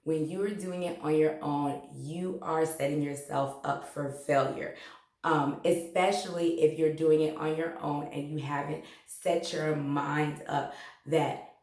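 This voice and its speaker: Earnest female health educator, low-pitched and unhurried, roomy sound. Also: fairly even intonation, darkish tone. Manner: slow, earnest, faith-filled. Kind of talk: motivational health talk.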